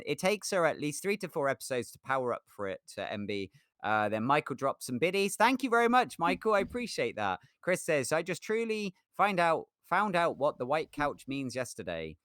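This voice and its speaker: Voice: mid-range voice, a bit bright, no echo, studio quality. A live streamer with a Scouse accent, chatting casually and reading chat messages aloud with jokes and laughter. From England.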